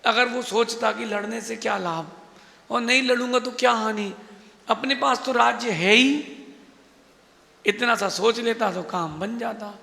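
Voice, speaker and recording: A Jain monk delivering an emphatic, rhetorical Hindi sermon with a preachy manner. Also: male voice, very high voice, measured pace, vocal fry, pushed and bright. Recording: echoey hall.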